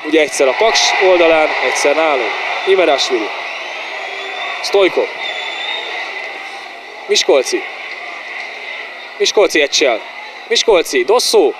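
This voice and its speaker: A man giving excited, partisan live football commentary in short exclamations and repeated player names, as a home-side commentator. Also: on the high side. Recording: noisy outdoor stadium sound.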